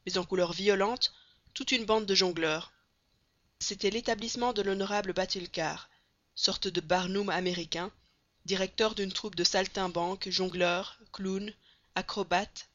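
A woman's voice: mid-range voice, a bit bright, no room sound. Woman reading a novel, dry sound. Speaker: audiobook reader. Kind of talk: scripted narration of a classic novel. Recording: slightly dull, dry recording.

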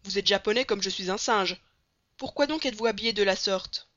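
A woman voicing a brash, loud middle-aged male American showman in a storybook reading, blunt and mocking, on a slightly dull, dry recording. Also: mid-range voice, fairly quick, no room sound, natural voice. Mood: boisterous.

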